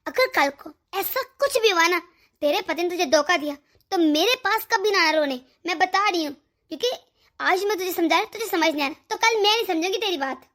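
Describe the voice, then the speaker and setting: A woman's voice: very high-pitched, expressive, fairly quick, a bit bright. A woman voicing a stern, protective older mother in a cartoon, lecturing her daughter. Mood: scolding. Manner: scolding, lecturing. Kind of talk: cartoon voice acting.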